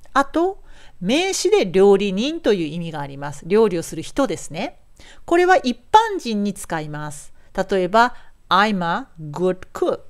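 A middle-aged woman teaching English in Japanese, explaining phrases patiently step by step and modeling English lines slowly. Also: mid-range voice.

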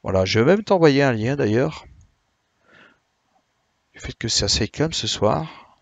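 Tired streamer, dry close voice. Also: male voice, mid-range voice, expressive, a little slow, vocal fry, no room sound, lo-fi sound. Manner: hesitant, many "euh" and restarts, friendly explaining. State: a bit tired. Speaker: Twitch streamer. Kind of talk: casual live-stream chat with viewers.

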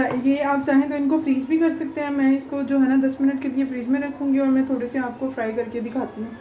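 In this casual cooking tutorial voice-over, recorded in a home kitchen, a young woman who hosts a home cooking channel walks through a recipe one step at a time, chatty and homely, with lots of fillers. She has a high voice with a dark tone. The sound is lo-fi, with slight background noise.

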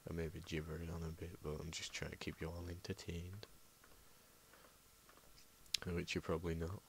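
Low gravelly guy muttering over gameplay. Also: little pitch movement, normal speed, low-quality recording. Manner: rambling, often mutters under his breath. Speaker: gaming channel host. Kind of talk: rambling gameplay commentary. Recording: loud background noise.

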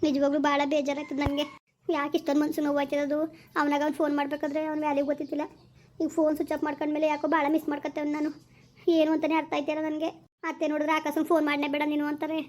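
High fast fretful young village girl, woman acting, rural kannada accent, sighs and tuts. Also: monotone, a little mellow, close to an everyday voice. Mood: anxious.

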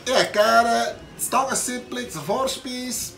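A man's voice: very high-pitched, a little slow, gravelly, crowd noise. A man in his thirties from Zurich with a Zurich Swiss German accent, playing a boastful city tourist in a comedy sketch, mostly filmed outdoors. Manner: boastful, lively, asks eager questions. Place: outdoors on ski slopes and in a village.

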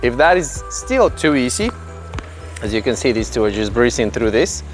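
A man in his thirties coaches young children on an indoor tennis court, explaining drills to the camera and calling out upbeat, encouraging commands to the kids for an instructional video. His medium-pitched voice swings widely in pitch at a moderate pace, with soft music in the background.

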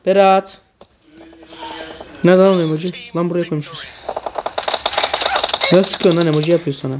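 Exasperated low-voiced gamer woman, noisy. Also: fairly even intonation, fast talker. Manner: exasperated, teasing, slangy banter. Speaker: mobile game streamer. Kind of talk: casual gaming chat with a friend.

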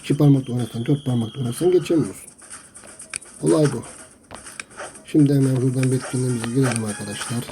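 A man's voice: mid-range voice, fast, long pauses, noisy background. A man giving chatty gameplay commentary to his viewers, grumbling about the game and trash-talking his opponents. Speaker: mobile game streamer. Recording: music playing under the voice. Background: game music.

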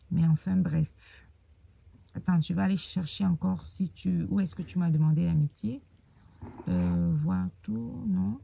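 A woman hosting a casual live stream, talking hesitantly and filling pauses with "euh" while she searches on her phone. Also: fairly low pitch, creaky, dark tone, slightly rough.

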